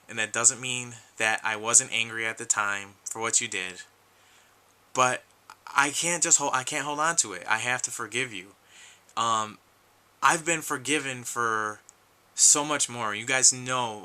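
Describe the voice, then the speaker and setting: A man's voice: mid-range voice, sharp tone, smooth, low-quality recording. A man talking earnestly to camera in a casual vlog, rambling with frequent restarts and losing his voice a little. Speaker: YouTube collector vlogger.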